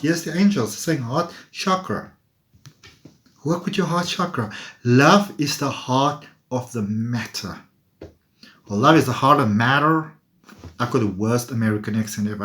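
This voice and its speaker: This tarot reader has a mid-range voice with a fairly bright tone. His casual reading monologue is playful and chatty, with frequent laughter as he addresses viewers.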